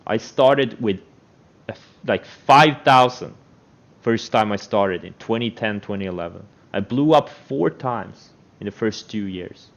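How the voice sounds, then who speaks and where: The trader's voice sits on the low side, creaky and a little slow, as he rants unscripted about trading, hammering points bluntly and repeating himself to motivate. He is a stock trader offering advice, recorded through a dull, lo-fi microphone.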